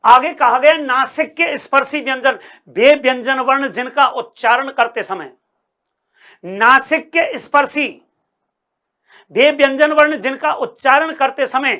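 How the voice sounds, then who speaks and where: A man leads a grammar lesson in a high, bright voice. He speaks slowly and deliberately, sounding out each letter. He repeats key phrases over and over and fires questions back at the class. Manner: addresses students as sir and brother. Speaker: coaching teacher. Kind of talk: Hindi grammar lecture.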